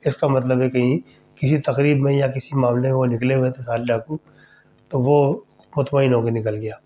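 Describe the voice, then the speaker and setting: A man's voice: medium pitch, steady tone, slight background noise. A male host telling a horror story in a chatty, conversational way. He speaks straight to his listeners as he narrates. The recording is somewhat dull and lo-fi. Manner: conversational, addresses listeners directly.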